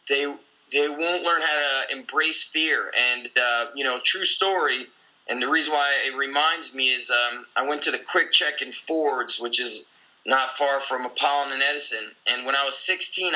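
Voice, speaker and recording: A man's voice: medium pitch, moderate pace, pushed and bright, rough recording. A man in his forties, a gym owner and coach, talking bluntly and intensely in a casual conversation, swearing freely.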